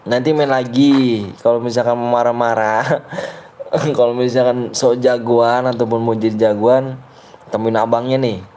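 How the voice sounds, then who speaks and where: A young man hosts a live game stream, talking casually at a middle pitch. He argues with his viewers and teases them, laughing often. Faint background noise sits under his voice. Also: flat delivery, measured pace, dark tone. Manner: argumentative and teasing, often laughing. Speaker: live streamer hosting custom game rooms.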